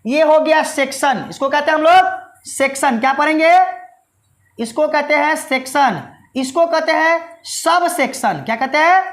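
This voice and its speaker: A woman with a high, bright voice teaches a commerce class, affectionately calling her listeners children. She explains the lesson by quizzing them with rapid rhetorical questions, repeatedly answering them herself.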